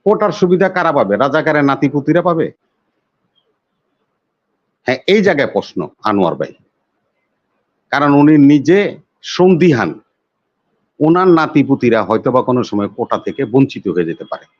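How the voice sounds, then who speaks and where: A man's voice: mid-range voice, sing-song, fast, dull audio. A man, a talk show panelist in a heated debate who talks over others and repeats himself insistently.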